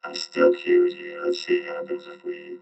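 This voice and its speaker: A man putting on a robot voice as a joke, speaking as a monotone male robot with a stiff, deadpan, mock-mechanical delivery. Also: moderate pace, lo-fi sound. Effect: robot voice, deep and flat. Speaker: online reseller. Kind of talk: casual screen-recording vlog.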